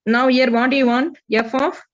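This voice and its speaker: A woman's voice: high-pitched, fairly even intonation, moderate pace. A woman with an Indian accent teaching a maths class, working through problems and prompting students with questions. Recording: dull, lo-fi audio.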